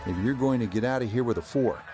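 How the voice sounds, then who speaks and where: A man giving measured, descriptive play-by-play golf commentary as an announcer. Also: medium pitch, over music.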